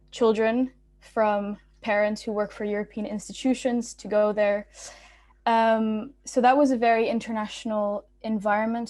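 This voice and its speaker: A woman's voice: mid-range voice, a little mellow. A young woman from Belgium, a student speaker, giving a casual, informal talk on a video call with many ums and restarts. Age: young adult.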